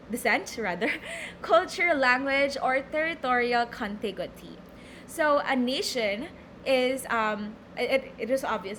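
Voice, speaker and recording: In a recorded lecture, a young Filipino woman with a Filipino accent reads from her slides and explains, leaning on many fillers and repeated words. Her voice is on the high side and a bit bright, with a little hiss or hum in the recording.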